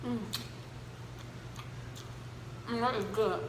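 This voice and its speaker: High-voiced woman chewing while talking. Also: fairly even intonation, fast, background noise. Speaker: mukbang vlogger. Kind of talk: casual eating show chat. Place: at home, indoors. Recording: echoey room with long reverb.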